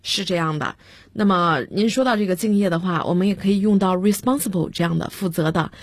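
A woman's voice: on the low side, fairly quick, no echo. A woman teaching English vocabulary on a radio lesson, spelling words out letter by letter and giving example sentences.

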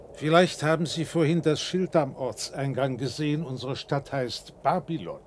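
Formal and deliberate, like a guide laying things out, a male actor voices an earnest, old-fashioned reservation dweller in a sci-fi radio drama. His pitch is fairly high, and there's slight background noise.

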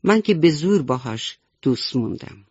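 A woman's voice: sits low, expressive, darkish tone, slightly rough, no echo. Woman voicing a sly scheming fox. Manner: sweet-talking, gossiping. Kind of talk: radio bedtime story for children. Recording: dull dry old radio recording.

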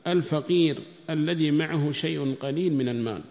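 A man teaching a hadith commentary lesson, repeating each phrase slowly for students to write down, reciting quoted text louder and higher. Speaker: Islamic studies teacher. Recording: long hall reverb.

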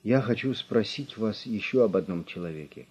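Man as a calm, grim male detective. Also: lowish voice, husky. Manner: calm, measured, menacing. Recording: slightly muffled recording.

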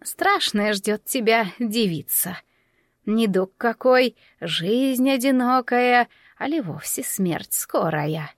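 A woman voicing an ominous old village woman who makes a slow, foreboding prophecy, in an audiobook. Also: a little high, animated, no echo, clean studio sound. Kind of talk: audiobook character voice.

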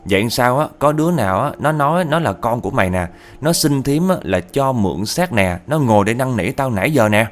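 A man's voice: medium pitch, expressive, fairly quick, few pauses, pitched above the performer's own voice, close to an everyday voice. A man voicing a blunt elderly woman customer who asks familiar, prying questions. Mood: puzzled.

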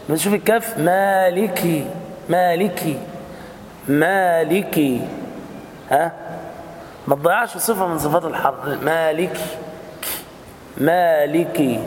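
Egyptian male recitation teacher, fairly high voice, patient and exacting, long hall reverb. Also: a little hiss or hum. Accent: Egyptian Arabic. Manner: patient, drills sounds by repeating them slowly. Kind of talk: correcting recitation in a live class.

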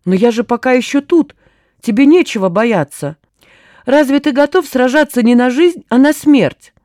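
A woman reading aloud plays a stubborn young woman with a quick, sardonic tongue, bossing people around in a dark, mellow voice. The recording is close and dry. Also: high voice, animated, dry recording, voice pushed up. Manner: brisk, sardonic, bossy. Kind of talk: audiobook character voice.

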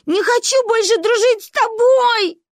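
A woman's voice: sing-song, brisk, no echo, exaggerated voice. A stubborn, hot-tempered little girl squeals her complaints, as a woman reading a story puts her on. The voice sits far above an adult's and swings up and down. It is close and dry, with no room sound. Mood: furious. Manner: shrill, indignant shouting. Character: bossy stubborn little girl, quick to anger.

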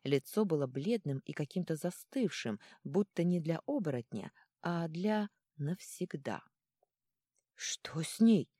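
A woman reads a fantasy audiobook with a low, mellow voice that rises and falls expressively. The sound is close-miked and dry, with no room around it. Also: a little slow, hardly any pauses, no echo. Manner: expressive, lively narration. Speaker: audiobook narrator.

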